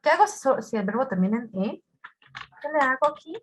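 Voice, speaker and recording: A woman's voice: high voice, lively intonation, brisk, a little hiss or hum. A woman with an Ecuadorian Spanish accent teaching English grammar to a class, patiently repeating words and asking her students questions. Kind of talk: online class explaining grammar.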